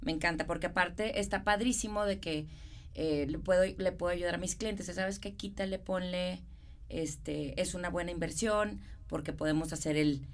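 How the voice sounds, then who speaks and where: An architect and real estate consultant in middle age, she appears as a guest in an interview, talking at normal speed in a lowish, steady voice. Her Monterrey regio accent marks her as northern Mexican, and she illustrates her points with colloquial examples in a relaxed chat.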